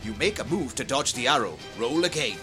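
A man's voice: mid-range voice, expressive, brisk. A man narrating a tabletop game as game master, bossy and teasing. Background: background music.

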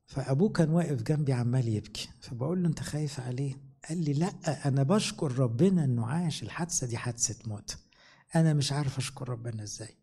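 Middle-aged male priest, Egyptian accent, mellow and gravelly, easy conversational sermon. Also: on the high side. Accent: Egyptian Arabic. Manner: conversational preaching with slow scripture readings.

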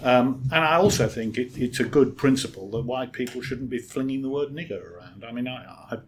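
A man's voice: mid-range voice, a little fast. A man in a casual group discussion, speaking thoughtfully and catching himself mid-sentence. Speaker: discussion participant.

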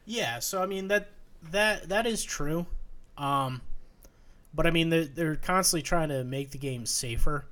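Halting young man in casual sports chat. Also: a little high, fairly bright tone. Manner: halting, many restarts and fillers. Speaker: podcast co-host.

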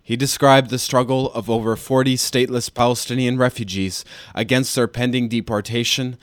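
A male field reporter narrating a news report in a measured, even way. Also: medium pitch, no room sound.

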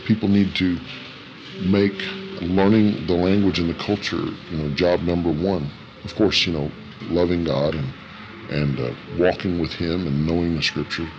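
A man giving thoughtful, halting interview answers as a guest, his voice electronically disguised. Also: fairly even intonation, lo-fi sound, background noise. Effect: disguised voice, electronically lowered. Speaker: interview guest, missionary worker. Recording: music under the voice. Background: music.

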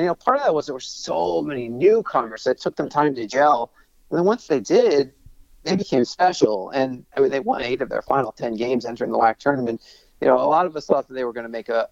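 A man's voice: medium pitch, fairly quick, vocal fry, a little mellow, no echo, highs cut off. A man in his thirties from Long Island, a sports broadcaster, talking enthusiastically with many restarts and fillers. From Long Island, New York. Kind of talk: casual interview talk.

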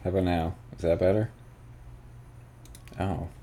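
A man's voice: sits low, fairly even intonation, a little slow, mellow. A man streaming live, chatting casually to viewers and grumbling and swearing when his calls go unanswered. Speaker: streamer making phone calls. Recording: clear music playing behind the voice. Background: music playing.

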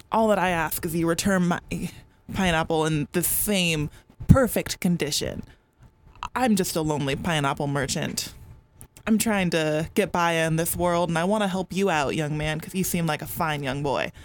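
A performer voicing a lonely, fawning fruit merchant who talks with smooth, wheedling salesman patter in a comic audio sketch. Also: mid-range voice, slight background noise, close to an everyday voice.

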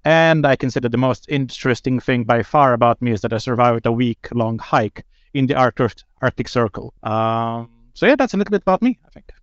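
A man from Slovenia, a podcast guest, talking in a relaxed way with fillers and restarts. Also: mid-range voice, a little fast, dry recording, lo-fi sound. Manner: relaxed, with fillers and self-corrections. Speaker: guest, software engineering director. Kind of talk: casual podcast chat.

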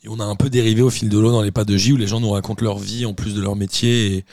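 A man hosting a casual interview podcast, chatty and relaxed, asking many questions. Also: lowish voice, fast, dry recording. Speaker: podcast host.

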